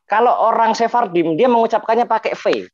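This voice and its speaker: A man explaining scripture dialects in a panel talk, slowly chanting verses between points. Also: sits high, dry recording. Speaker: religious teacher explaining dialects. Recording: dull, dry lo-fi sound.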